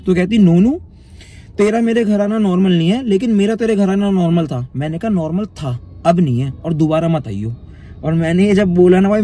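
Chatty young man with a dark voice. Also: high-pitched. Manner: chatty, frequently addresses viewers as bhai. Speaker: vlogger. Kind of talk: casual storytelling to viewers.

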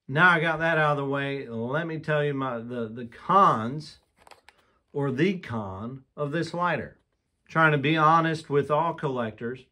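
A man's voice: mid-range voice, bright, forceful tone. A man reviewing a collectible lighter in a casual vlog, talking candidly and with enthusiasm, often restarting his sentences. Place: room with shelves of lighters on display, indoors.

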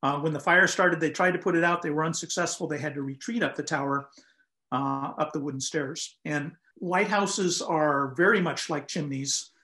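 An older man calmly recounting a historical event in a measured, explanatory way, with frequent ums and uhs, speaking from home over a video call. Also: on the high side. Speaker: lighthouse historian guest. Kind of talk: conversational historical account. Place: home room, indoors.

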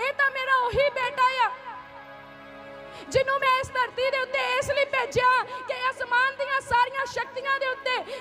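A woman pastor delivers a fervent sermon in a very high voice. She builds her points through repeated rhythmic phrases. Music plays clearly beneath her. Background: music playing under the speech.

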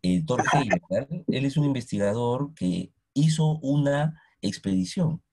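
Husky-voiced teacher giving a history lesson. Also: male voice, medium pitch, a little slow. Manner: questioning, coaxing, animated.

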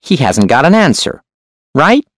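A man doing a sharp, high-voiced hunchback gangster. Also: very animated, unhurried, no room sound, clean studio sound. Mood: shrewd, menacing. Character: sharp-voiced hunchback male crime boss, shrewd and menacing.

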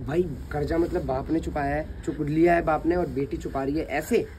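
Casting: forceful male prank host, urgent orders, light noise outdoors. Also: fairly high pitch, steady tone, brisk. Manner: urgent, commanding. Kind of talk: staged street confrontation.

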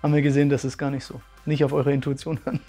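A man's voice: medium pitch, little pitch movement, racing, mellow, faint music behind. A man in his thirties, a martial arts school owner, telling his story in a testimonial interview, earnest and thoughtful, with many fillers. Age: 30s. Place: bright room with curtains, indoors.

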